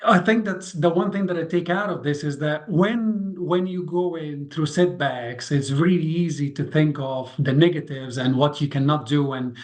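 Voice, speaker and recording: A man's voice: a little high, normal speed, few pauses. A man in his thirties from Egypt, a podcast guest talking through his career with many ums and restarts. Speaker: guest, hotel revenue co-founder. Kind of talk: casual interview talk.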